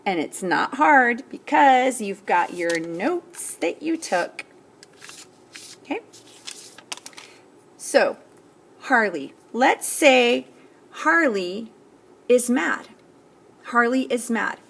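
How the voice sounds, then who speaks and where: A woman teacher slowly explaining an assignment to students step by step, often checking in with "okay?". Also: fairly high pitch, big pitch swings, gravelly, a little hiss or hum. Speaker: Spanish teacher. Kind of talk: recorded classroom lesson.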